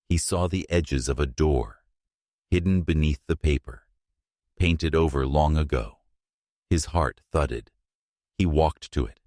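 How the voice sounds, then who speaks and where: A man narrating a scripted horror story in a hushed, suspenseful manner, in short, measured phrases. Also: a bass voice, no room sound, studio quality.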